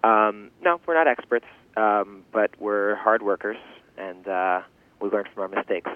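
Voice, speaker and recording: Low-voiced young man on a phone-like line. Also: dry recording. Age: 20s. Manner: halting, thinking aloud with restarts and repeated words. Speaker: interview guest, farm founder and language teacher. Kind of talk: casual interview. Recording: thin phone-like radio interview sound.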